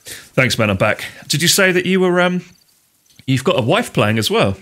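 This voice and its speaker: A man's voice: a little high, big pitch swings, moderate pace, fairly bright tone. A middle-aged British man from the UK, chatting casually and swearing while he streams a game from home. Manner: chatty, swears a lot, nervous laughs. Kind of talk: casual gameplay chat. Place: home room.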